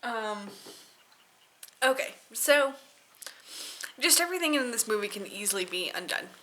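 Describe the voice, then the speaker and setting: A woman with a bright, forceful voice rants casually as if a few drinks in. She takes her time, stalling and repeating herself, swearing with exasperated sarcasm. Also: fairly high pitch, animated, measured pace, slight background noise. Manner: tipsy, loose drunken rambling. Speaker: solo vlogger reviewing a film. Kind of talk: casual spoken rant.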